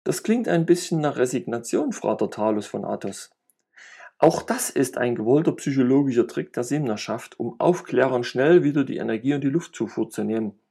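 A man's voice: mid-range voice, expressive, moderate pace, creaky, warm tone, husky. Man doing an older lecturing grandmaster. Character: older grey-haired grandmaster, gently lecturing sage.

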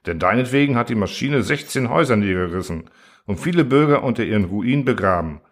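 A man's voice: medium pitch, expressive, fast talker. A man voicing a stern, helpless mayor who speaks formally.

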